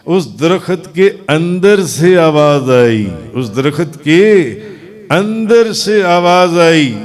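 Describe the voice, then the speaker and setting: A man with a Pakistani Urdu accent, a Sufi preacher telling a story in a sermon, with dramatic drawn-out repetitions and chanted calls. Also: fairly high pitch.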